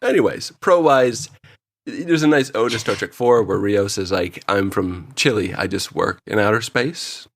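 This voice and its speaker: A man with a lowish, gravelly voice speaks at a moderate pace as a podcast co-host. He chats casually and jokingly, sharing his opinions and anecdotes in a review.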